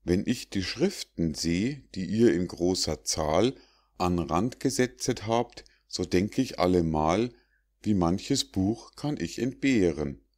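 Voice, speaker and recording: A man reads old rhymed fables for an audiobook in a measured, recitative manner. His voice sits low. He takes the verse at an unhurried pace. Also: lively intonation, darkish tone. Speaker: audiobook narrator. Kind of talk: scripted narration of rhymed fables.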